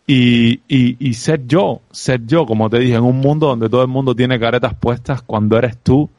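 Man with Cuban accent, podcast guest, mid-pitched voice, dry close sound. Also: normal speed, no echo. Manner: animated, reflective, many restarts and "¿sabes?". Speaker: podcast guest, sales expert. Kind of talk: casual interview conversation.

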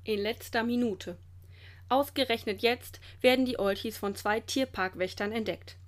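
A woman reading a children's storybook aloud in a lively, clear storytelling manner. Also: a little high, moderate pace. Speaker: storybook reader.

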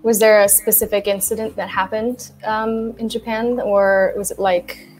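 A woman's voice: medium pitch, little pitch movement, normal speed, a little hiss or hum. A woman interviewing a guest in casual conversation, giving brief, encouraging reactions.

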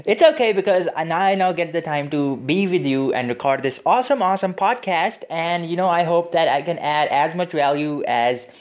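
A young man from Pakistan hosting a casual motivational podcast, chatting in a rambling way with many fillers and restarts. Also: on the high side. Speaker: podcast host.

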